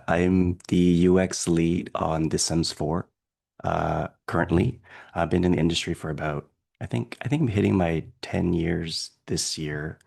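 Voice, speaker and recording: Man in his thirties, very deep, husky and gravelly, groggy morning voice, casual. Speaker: guest, game UX lead. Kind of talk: casual self-introduction. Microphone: video call.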